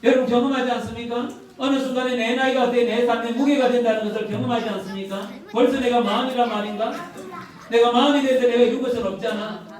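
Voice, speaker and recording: A man's voice: very high voice, fairly even intonation, quick pace. A man in his fifties preaching a church sermon, earnest, often putting rhetorical questions to the congregation. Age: 50s. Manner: filler "어때" often. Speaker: pastor. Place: church sanctuary. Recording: very echoey, from a distance.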